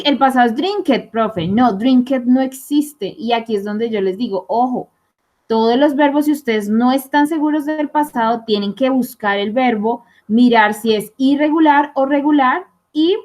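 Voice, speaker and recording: A young adult woman gives a recorded online English lesson. Her voice sits a little high, and she talks her students through each rule with frequent rhetorical check-ins. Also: a little mellow. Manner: explanatory, asks rhetorical checks like "¿listo?" and "¿sí?". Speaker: English teacher.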